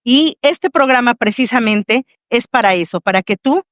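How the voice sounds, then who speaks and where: A woman's voice: a little high, expressive, normal speed, dry recording, clean studio sound. Mexican woman hosting a faith podcast. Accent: Mexican Spanish. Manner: warm, devout welcoming address to the audience. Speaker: podcast host. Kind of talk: faith testimony interview.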